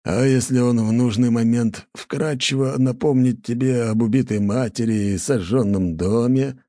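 A man's voice: mid-range voice, fairly even intonation, normal speed, mellow, no echo, clean studio sound, pitched above the performer's own voice, close to an everyday voice. A man voicing a weary, sardonic older man in an audiobook. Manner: sardonic, rueful.

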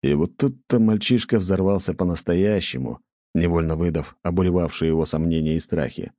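A man reading an audiobook in a very deep, dark voice with a steady, measured delivery. The recording is close and completely dry. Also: no echo. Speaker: narrator. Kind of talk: audiobook narration.

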